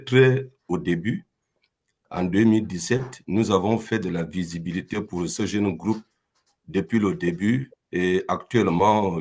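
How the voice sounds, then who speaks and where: Husky deep-voiced man from Gabon. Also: a little mellow. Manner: hesitant, repeats words. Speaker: company founder, Zoom guest. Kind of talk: unprepared remarks on a video call. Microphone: video call.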